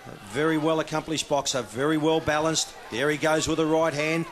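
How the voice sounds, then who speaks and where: A man's voice: on the high side, fairly quick, a little hiss or hum. A man with an Australian accent hosting and giving live boxing commentary.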